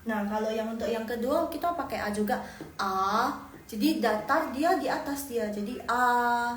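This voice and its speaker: A woman's voice: on the high side, brisk. Chatty woman teaching Mandarin. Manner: chatty, repeats syllables and tones in demonstration, self-correcting. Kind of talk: live online language lesson. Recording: echoey room with faint background noise.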